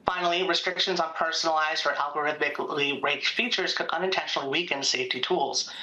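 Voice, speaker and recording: A woman's voice: deep voice, steady tone, quick pace, pushed and bright. A woman policy director gives formal testimony over a video call, reading a prepared statement with small stumbles. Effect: heard over a video call. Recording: echoey video call audio.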